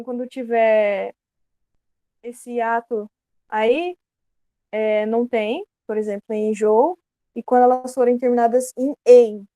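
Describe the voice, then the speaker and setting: A woman's voice: on the high side, warm tone, no echo. A woman with a Brazilian Portuguese accent teaching an online grammar lesson, explaining casually and correcting herself as she goes.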